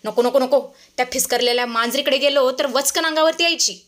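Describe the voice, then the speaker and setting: A woman's voice: high voice, a little fast, fairly bright tone. Woman voicing a young husband, lonely, hesitant, self-talking. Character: lonely young husband missing his wife.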